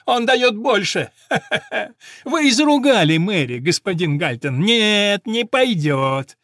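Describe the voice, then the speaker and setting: Man playing a loud, teasing horse-owning sportsman. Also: high voice, very animated, measured pace, no echo, clean studio sound, pitched above the performer's own voice, exaggerated voice. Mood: roaring. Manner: boisterous, teasing.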